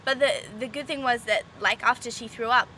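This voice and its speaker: A woman's voice: a little high, steady tone, a little fast. A woman student vlogging casually in her backyard, rambling with restarts and giggles. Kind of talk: casual chat. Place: backyard, outdoors. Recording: outdoor traffic noise.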